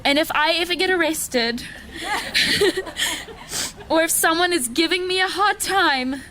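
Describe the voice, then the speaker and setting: Woman, late teens, tearful, laughing mid-sentence, high voice, slow delivery. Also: a little hiss or hum. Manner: laughs often mid-sentence, warm and sentimental. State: tearful, laughing through tears. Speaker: graduating student giving valedictory speech. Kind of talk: emotional farewell speech. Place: school hall with audience.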